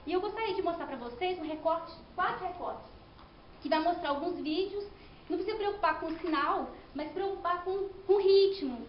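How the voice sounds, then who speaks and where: Woman, very high voice, giving a thesis presentation in an echoey room with somewhat dull sound. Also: slight background noise. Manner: explanatory, with frequent "né?" and restarts. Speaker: student presenting her thesis. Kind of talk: academic presentation.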